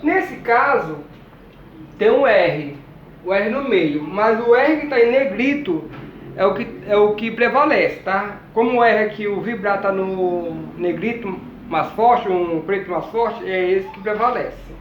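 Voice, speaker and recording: A man teaching a lesson, reading words out slowly and repeating each one. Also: high voice, a little hiss or hum. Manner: slow, deliberate, repeats each word. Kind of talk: classroom lesson, reading a word list. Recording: distant, muffled, echoey room.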